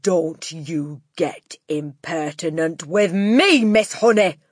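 A woman voicing a huge, bullying headmistress in an audiobook, booming and barking out contemptuous insults with drawn-out emphasis. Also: fairly bright tone, no room sound, studio quality. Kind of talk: audiobook character acting.

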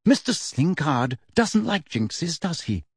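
A man voicing a clever, eager teenage schoolgirl in a storybook reading, speaking in a clear, carrying voice. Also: on the high side, very animated, slow, no room sound, studio quality, pitched above the performer's own voice, full character voice. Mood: confident.

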